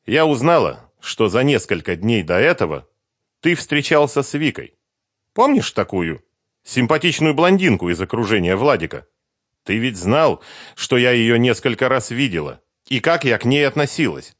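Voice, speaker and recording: A man's voice: mid-range voice, big pitch swings, moderate pace, no room sound, clean studio sound. A man voicing a hurt, accusing young woman who confronts her former lover with pressing questions. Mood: bitter.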